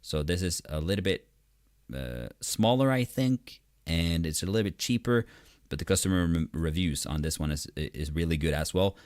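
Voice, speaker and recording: Deep, dry close-miked man teaching casually. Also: no room sound. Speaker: online course instructor. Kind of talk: casual tutorial narration. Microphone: close USB desktop microphone.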